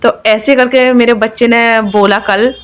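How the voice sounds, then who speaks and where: A woman's voice: on the high side, steady tone, unhurried, slight background noise. A woman and mother narrating her own home vlog in a chatty, confiding voice-over, with lots of fillers. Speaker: vlogger, mother.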